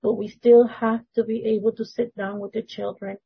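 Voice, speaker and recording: A woman at a church meeting earnestly explaining her view, often pausing and searching for words. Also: on the high side, flat delivery, vocal fry, slightly rough, no echo. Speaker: church member. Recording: dry, dull lo-fi recording.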